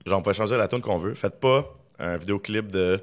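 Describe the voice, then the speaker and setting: A man with a Quebec French accent talks fast in a low voice. He tells loose, rambling stories stuffed with fillers. It is a relaxed podcast chat. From Quebec, Canada. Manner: rambling anecdotes full of fillers. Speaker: podcast guest, film director. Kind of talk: casual chat.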